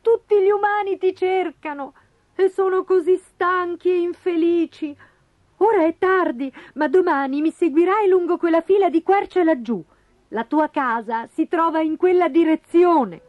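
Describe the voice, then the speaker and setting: A woman's voice: very high voice, a little slow, no room sound, narrow, tinny audio, voice pushed up. A woman voicing a small, chirpy wagtail bird in a children's story.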